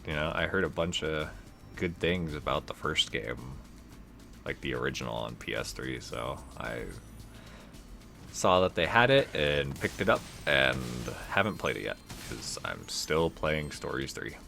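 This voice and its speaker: Laid-back male let's play host, very deep yet bright voice with gravelly edge, chatting casually through a game. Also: expressive, a little slow, faint music behind. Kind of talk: casual gameplay commentary.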